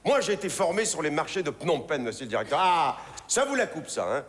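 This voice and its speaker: A teasing, mischievous old vagabond father, proud of his petty thefts. His voice sits fairly high and swoops with lively inflection. It is heard in a reverberant theater hall with faint ambience behind it. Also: a little fast. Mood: cheeky. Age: older. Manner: teasing, playful, theatrical stage delivery. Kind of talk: stage play acting. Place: theater stage.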